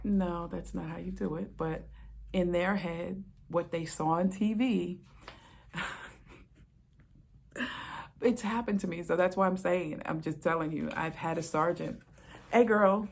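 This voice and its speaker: A middle-aged woman speaks with a low, husky, gravelly voice. She is a retired police officer sharing her stories in a relaxed, conversational monologue. She often repeats a phrase to drive it home. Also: takes it slowly, pauses often. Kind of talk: casual storytelling monologue.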